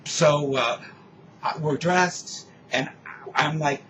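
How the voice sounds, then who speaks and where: An older man telling a rambling story in casual chat, animated when he acts out what people said. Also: on the high side, slow pace, noisy background.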